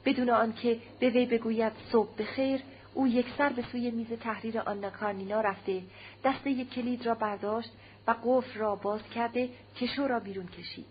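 A woman narrating a classic novel as an audiobook, in a steady, measured reading, on a slightly muffled recording with a faint hum. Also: fairly high pitch.

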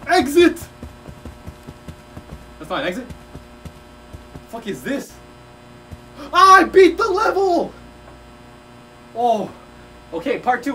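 A young man commentating a VR horror game, swearing, trash-talking and yelping whenever he gets scared. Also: sits high. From Mexico. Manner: excitable, swearing, yelps when scared, slangy trash talk. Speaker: gaming streamer. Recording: distant-sounding mic with noticeable background noise and hum.

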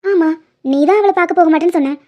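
In a cartoon, a woman voices a bossy young college student lecturing her friend, her pitch extremely high and her speech fast. She scolds in a warning tone, and the recording sounds dull and lo-fi.

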